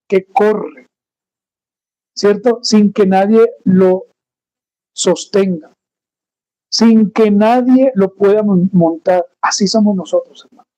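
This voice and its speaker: A man's voice: sits high, steady tone, slow, long pauses, warm tone, muffled recording. A man preaching a sermon as pastor, firing rhetorical questions and calling the congregation "brothers" again and again. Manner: rhetorical questions, repeats "hermanos" constantly.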